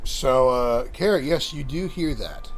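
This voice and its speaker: A man's voice: mid-range voice, animated, unhurried, a little hiss or hum. A man narrating as dungeon master of a tabletop game, rambling and casual with many fillers.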